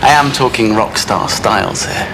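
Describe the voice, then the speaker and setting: An actor playing a coaxing, smooth-talking man in a naturalistic TV soap. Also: fairly low pitch, moderate pace. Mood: persuasive, charming. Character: smooth, coaxing man having a bad day, wooing a woman. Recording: noisy TV drama soundtrack with room ambience.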